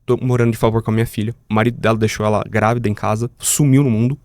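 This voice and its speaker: A man's voice: lowish voice, level tone, rapid-fire, a little mellow, dry recording, studio quality, natural voice. A man with a Brazilian accent quoting a tough, desperate man in his forties who speaks bluntly in street slang.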